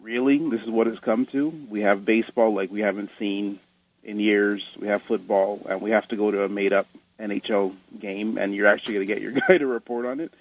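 A man calling into a radio show over the phone, chatting casually and ranting excitedly, his voice jumping up when he gets worked up. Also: on the low side, a little fast. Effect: phone-in caller heard over the phone line. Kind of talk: casual chat. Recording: dull lo-fi phone line.

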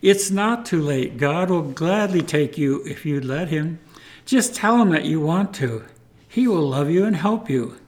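A gentle, earnest American teenage girl, as a male storyteller puts her on, pleading softly with a stranger. Her voice sits a little high. Her words come slowly and tenderly. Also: expressive. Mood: urgent. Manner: soft, pleading.

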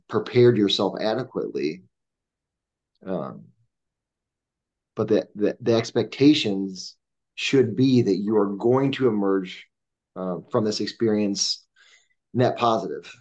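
A man speaks in a lowish voice, pausing often and restarting his sentences as he reflects. The recording is dull and lo-fi, with the top end rolled off. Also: a little mellow. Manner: hesitant, many ums and restarts. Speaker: combat veteran guest. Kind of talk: reflective conversation. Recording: dull lo-fi sound.

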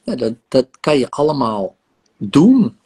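A man's voice: mid-range voice, sing-song, unhurried, warm tone, husky. A man guiding a casual coaching conversation, talking animatedly with many fillers and acting out inner voices. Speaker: host and session guide. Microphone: online live session.

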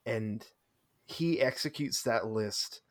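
A man's voice: medium pitch, takes it slowly. Chatty man laughing through a recap. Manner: rambling, self-deprecating, laughs often. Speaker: podcast co-host. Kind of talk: casual chat recapping a tabletop tournament.

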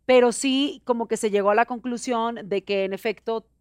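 A woman with a fairly high voice explains calmly in casual chat. She uses lots of fillers, and the recording sounds close and dry. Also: moderate pace, clear, resonant tone, no echo. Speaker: reality show contestant guest.

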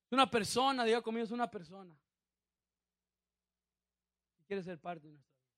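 A man's voice: high voice, a little fast, bright, forceful tone, no echo, clean studio sound. A male pastor preaching a sermon who calls out questions to the congregation.

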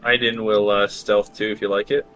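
A man's voice: fairly low pitch, little pitch movement, moderate pace, a bit bright, faint music behind. A man playing a tabletop game, chatting casually about rules, with some noise in the recording. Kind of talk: casual chat.

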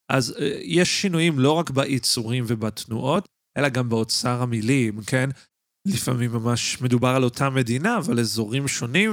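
A man's voice: medium pitch, dry recording. Israeli man teaching in a dry recording. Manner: didactic, often checks in with listeners. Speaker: singing teacher and podcast host. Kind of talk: informal explanatory lesson.

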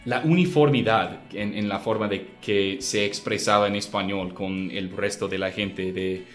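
A man's voice: fairly low pitch, steady tone, normal speed, faint music behind. A man who is not a native Spanish speaker talks in a casual conversation with a foreign accent, thoughtful and often restarting his words. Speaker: conversation partner.

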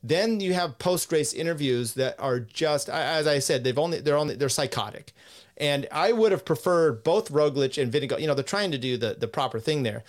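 A man hosting a podcast in casual chat, rambling, swearing and laughing as he reads out news quotes. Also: fairly high pitch. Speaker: podcast host.

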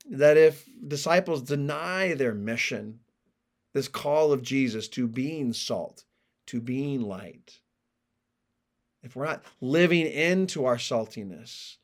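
A man hosting a podcast, teaching a Bible study in an earnest, deliberate way and eager to explain. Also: mid-range voice. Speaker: podcast host.

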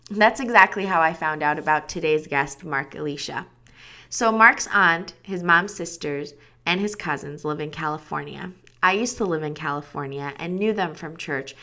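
A woman's voice: lowish voice, sharp tone. A woman hosting a podcast, giving an upbeat, enthusiastic scripted introduction. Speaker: podcast host.

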